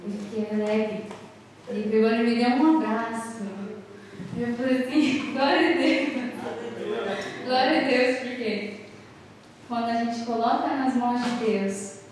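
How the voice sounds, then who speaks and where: A woman's voice: a little high, fairly even intonation, a little slow, a little mellow. A young woman giving an earnest testimony at a church prayer service, retelling conversations and prayers. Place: church hall. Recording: echoey hall from far off, faint noise.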